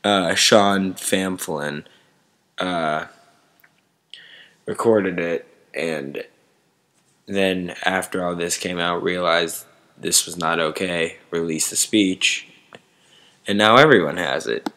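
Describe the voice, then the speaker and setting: A man giving casual, unscripted sports commentary to online viewers in a halting way, searching for words. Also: sits low, fairly even intonation, sharp tone.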